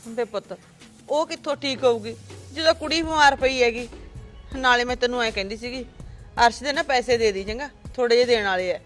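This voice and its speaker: Her voice fairly quick, a bit bright, and close to everyday speech, a woman acts as an older, grieving mother in a family drama skit with faint music behind. Aggrieved and indignant, she pleads and laments, getting defensive and talking back, her pitch lifting in arguments.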